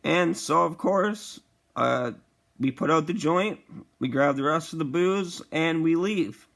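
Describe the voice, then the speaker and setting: A young man casually telling a profane storytime vlog, animated and acting out the quotes. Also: a little high, slow pace, vocal fry. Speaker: vlogger.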